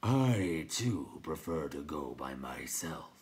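A man reading aloud, putting on a slow, low, grating voice for a giant made of stone. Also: sing-song, heavily acted. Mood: gruff.

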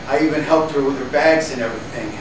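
Actor as stammering desperate suspect, roomy recording. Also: male voice, fairly high pitch, natural voice. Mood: halting, uneasy confession. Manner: halting, stammering, pleading. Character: desperate male criminal suspect confessing under interrogation. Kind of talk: dramatic monologue acting. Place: indoor studio against plain backdrop. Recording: roomy, distant mic, noisy air-conditioner hum.

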